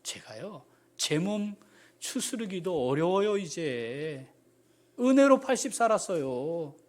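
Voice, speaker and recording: A man acting out an eighty-year-old Moses complaining to God in a soft, pleading voice, inside a sermon. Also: high voice, very animated, takes it slowly, pitched above the performer's own voice, heavily acted. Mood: weary. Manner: complaining, pleading, softer than his preaching.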